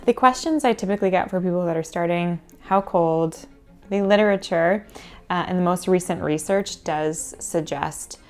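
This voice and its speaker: A woman with a low, gravelly voice explains things as a coach answering interview questions. She is measured and instructive, with music playing underneath. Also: darkish tone. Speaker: cold exposure coach.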